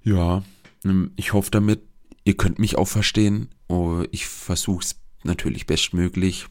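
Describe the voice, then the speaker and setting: A social worker in his twenties hosts his own podcast, speaking with a regional dialect in a deep, steady, slightly mellow voice at a measured pace. His monologue is earnest and searching, marked by frequent hesitations and restarts.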